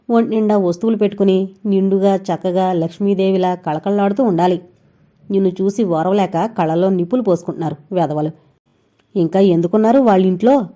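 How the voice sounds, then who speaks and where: A woman voicing a sharp-tongued, doting old grandmother who scolds loudly, read aloud in a storybook telling. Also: on the low side, close to an everyday voice. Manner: loud and scolding.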